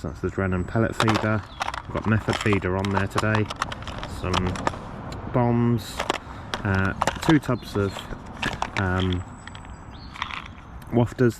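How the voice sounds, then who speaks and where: A man vlogging outdoors by the water, casually talking through his fishing gear with lots of ums, and coughing now and then. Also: fairly low pitch. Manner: relaxed, rambling, lots of ums and self-corrections. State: coughing a lot. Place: outdoors on a riverbank. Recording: outdoor recording with clear background noise.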